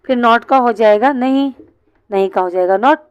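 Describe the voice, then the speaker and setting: A woman's voice: a little high, normal speed, smooth, no room sound, muffled recording. A woman teaching an online English class, explaining step by step and answering her own questions.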